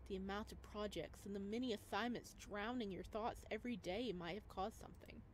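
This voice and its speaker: With a mid-range voice and a brisk delivery, a woman playing a video game reads visual novel narration expressively, pausing for chatty, casual asides. Background music and slight noise can be heard.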